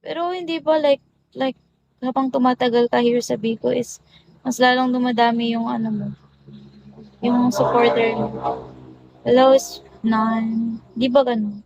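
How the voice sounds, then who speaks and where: A woman's voice: fairly high pitch, fairly even intonation, a little slow, creaky, pauses often, darkish tone, a little hiss or hum, rough recording. A woman hosting a casual phone livestream, chatting and rattling off greetings to viewers. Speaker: livestream host.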